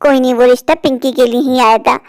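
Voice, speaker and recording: A woman's voice: high-pitched, little pitch movement, fast talker, darkish tone, dry recording, studio quality. A woman voicing a scheming middle-aged stepmother in a cartoon story, snappish and defensive. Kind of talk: cartoon voice acting.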